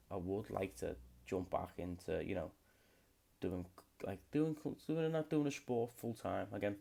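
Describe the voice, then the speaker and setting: This solo podcast host, a man from the United Kingdom in his late twenties, has a warm voice that sits low and carries vocal fry. His talk is a rambling, casual chat full of swearing.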